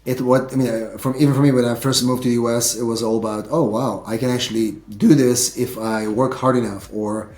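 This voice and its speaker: A man's voice: mid-range voice, steady tone, brisk, few pauses, darkish tone. Man in an echoey home studio. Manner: rambling, many fillers and restarts. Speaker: podcast host. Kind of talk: casual interview.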